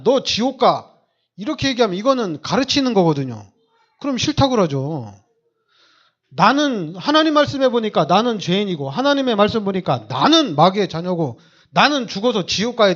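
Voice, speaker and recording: A man's voice: sits high, fairly bright tone, highs cut off. A man preaching a sermon as pastor, emphatic and repetitive, with many rhetorical questions.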